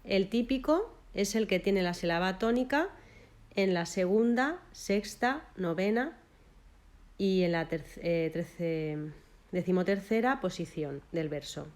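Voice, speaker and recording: A woman explaining a literature lesson, listing technical terms one by one in a measured way with short pauses. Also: mid-range voice, animated, a little mellow.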